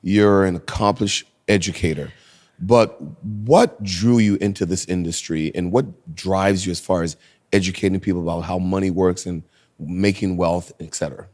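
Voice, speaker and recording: A man hosting a podcast, giving energetic, upbeat introductions and asking questions in a conversational interview. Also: deep voice, normal speed. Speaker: podcast host.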